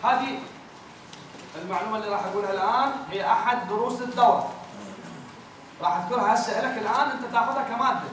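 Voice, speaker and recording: A man teaching Quran recitation to a class, explaining patiently, repeating words and chanting verses slowly. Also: very high-pitched, a bit bright. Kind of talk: classroom lesson with chanted examples. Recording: very echoey room, mic far off, faint noise.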